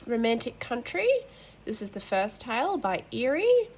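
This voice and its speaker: A woman's voice: on the high side, sing-song, moderate pace, slight background noise. A woman hosting a colouring channel from home, chatting casually with rambling, apologetic asides and a nasal voice from hay fever. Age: adult, mother of boys. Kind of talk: casual show-and-tell chat.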